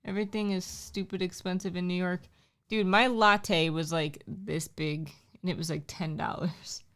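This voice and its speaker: A woman's voice: lowish voice, steady tone, normal speed, fairly bright tone. A woman co-hosting a livestream, chatting casually and teasing her co-host. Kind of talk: casual chat.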